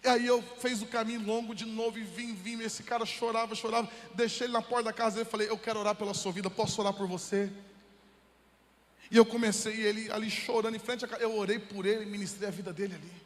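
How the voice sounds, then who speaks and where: A man's voice: high voice, level tone, fast. A man from the interior of São Paulo, Brazil, a pastor telling a personal story in his sermon and rising into fervent preaching. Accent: Brazilian Portuguese, São Paulo interior. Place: church hall. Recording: long hall reverb from the church.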